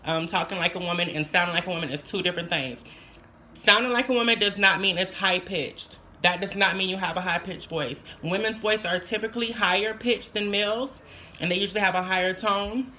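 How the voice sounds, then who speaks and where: Young woman vlogger, mid pitch, sharp bright voice, relaxed repetitive tutorial chat. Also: fairly quick, a little hiss or hum. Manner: chatty, repeats phrases for emphasis.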